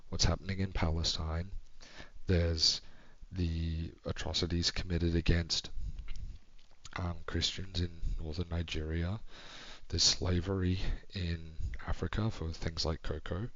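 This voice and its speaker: Young male vlogger, very low voice, hushed late-night monologue, halting and reflective, slightly muffled recording. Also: dry recording. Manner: hushed, near-whispering delivery; thinking aloud, pausing and restarting. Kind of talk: late-night solo ramble. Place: home at night.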